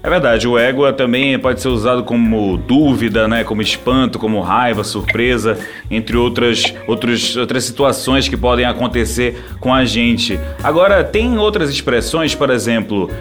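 A man's voice: mid-range voice, moderate pace, hardly any pauses, a bit bright, soft background music. A man with a Paraense Brazilian Portuguese accent, hosting a casual chat and listing slang examples with many fillers. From Pará, Brazil. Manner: conversational, lists examples with fillers.

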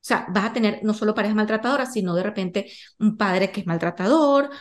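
A woman's voice: mid-range voice, fast. A woman guest on a podcast, explaining spiritual ideas in an earnest, direct way and addressing the listener. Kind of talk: casual spiritual conversation.

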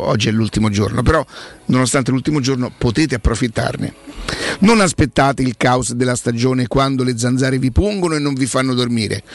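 A man's voice: medium pitch, creaky. A man hosting radio, delivering an infomercial-style live ad read with urging, promotional patter and repeated slogans. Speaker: radio host.

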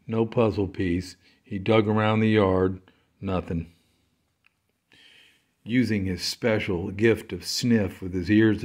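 Slow low-voiced man reading a storybook. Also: darkish tone. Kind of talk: storybook narration.

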